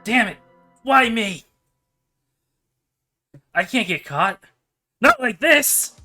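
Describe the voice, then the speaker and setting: Man playing a frantic, high-pitched scheming culprit. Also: lively intonation, slow pace, sharp tone, soft background music, full character voice. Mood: panicked scheming. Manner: frantic, conniving. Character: panicked scheming male murderer in a game.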